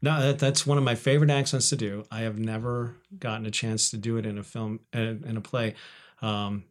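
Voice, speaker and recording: A man's voice: fairly low pitch, level tone, brisk. A middle-aged man talking about his stage acting as a guest on a radio show, chatty and laughing often. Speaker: radio guest, community theater actor. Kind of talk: casual radio chat. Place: radio studio.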